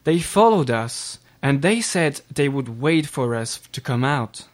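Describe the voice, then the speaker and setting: A man voicing an earnest young boy in a slow, careful read storybook. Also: medium pitch, lively intonation, pitched above the performer's own voice, natural voice.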